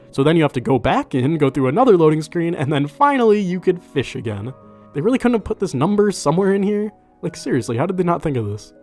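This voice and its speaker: A man narrates a video game review in a fairly high-pitched voice. His delivery is conversational but scripted, full of dry sarcasm, and music plays lightly behind him. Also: a little mellow. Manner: wry, sarcastic asides.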